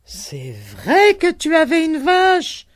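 A reader voicing a blunt male peasant who answers his old companion in loud, brusque replies. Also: very high-pitched, wildly swooping pitch, slow, no echo, clean studio sound, pitched above the performer's own voice, heavily acted.

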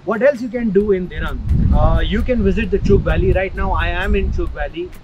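A man's voice: high-pitched, a little fast, muffled recording. A man with an Indian English accent, narrating his travel vlog with enthusiasm and recommending places to viewers. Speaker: travel vlogger. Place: outdoors in windy mountains. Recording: music playing behind.

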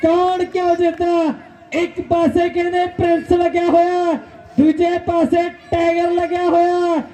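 A man gives excited live kabaddi commentary, repeating phrases and rousing the spectators. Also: extremely high pitch, unhurried, some chatter behind. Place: outdoor village kabaddi ground.

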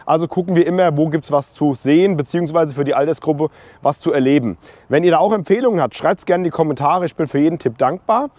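A man's voice: on the high side, fast, a little mellow, dry recording. A man in his forties walking around a campground, chatting casually to viewers about what it offers. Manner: chatty, opinionated, addresses viewers directly. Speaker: camping vlogger. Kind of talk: casual walk-and-talk review. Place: outdoors on a campground. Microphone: small clip mic on hoodie, camera held at arm's length.

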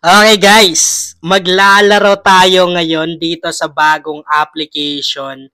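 A man's voice: on the high side, little pitch movement, takes it slowly, pushed and bright, dry recording. A young Filipino man hosting a casual gaming vlog, his voice strained by a cough. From Philippines. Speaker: vlogger and host.

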